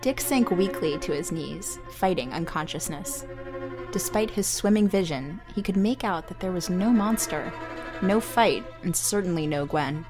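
A woman narrating an audio drama in a measured storytelling manner. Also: fairly low pitch, lively intonation, over music.

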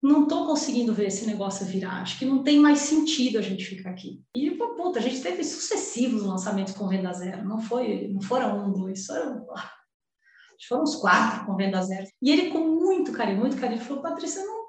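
A woman's voice: a little high, lively intonation, fairly quick, distant mic. A woman with a Brazilian Portuguese accent, an entrepreneur guest telling her story in a chatty, emotional way with lots of slang fillers. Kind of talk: casual storytelling. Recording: very echoey room, voice off-mic.

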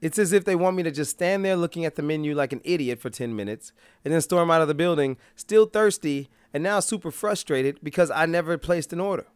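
An American man hosting a vlog, hoarse from being sick, giving a comedic rant in a sarcastic, exasperated manner. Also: on the high side, fairly quick, few pauses, no room sound, clean studio sound. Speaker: vlog host.

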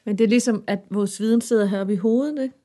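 A woman, a mother, talking in a relaxed, earnest and reflective way in a casual chat. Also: medium pitch. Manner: earnest, reflective, animated at times.

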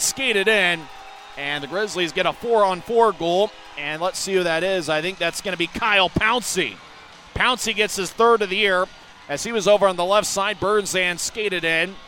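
A man calling rapid hockey play-by-play as the announcer, excitable and given to shouting on goals. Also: a little high, a little hiss or hum.

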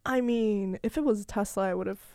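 A woman's voice: mid-range voice, darkish tone, dry recording, studio quality. Wry young woman co-host. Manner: wry, self-deprecating, quick to laugh. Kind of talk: casual chat.

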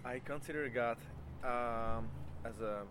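A man from the Czech Republic with a Czech accent, answering interview questions casually in a halting, rambling way as he searches for words. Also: medium pitch, fairly even intonation. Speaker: interviewee, photographer. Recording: noisy outdoor urban traffic background.

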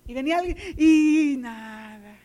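A woman's voice: sits high, measured pace, mellow. A middle-aged woman giving an emotional sermon, telling personal stories and often repeating her words. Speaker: teacher and lay preacher.

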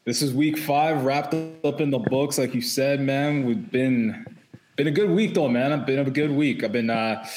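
A man's voice: medium pitch, moderate pace, a little mellow, faint music behind. A man co-hosting a casual chat in a slangy way, often repeating himself. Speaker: show co-host.

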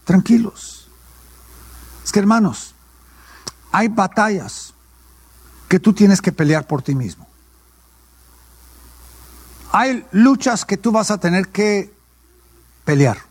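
Man, pastor preaching, high voice, asks and answers his own questions. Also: animated, slow, long pauses, husky, no echo. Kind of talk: sermon.

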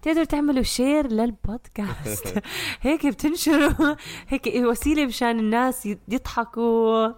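A woman's voice: a little high, animated, fairly quick. A woman with a Levantine Arabic accent, co-hosting a podcast in casual chat. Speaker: podcast co-host.

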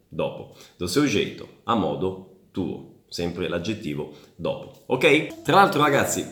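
A man teaching Italian in a casual online lesson, chatty and often checking in with quick tag questions. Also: mid-range voice, echoey room. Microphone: camera.

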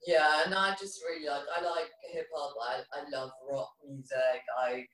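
A woman's voice: low voice, normal speed, a bit bright. A woman from Germany, a DJ and radio co-host, chatting casually in an interview, laughing often and restarting her sentences over a video call. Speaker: DJ and radio show co-host, guest. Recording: roomy and distant.

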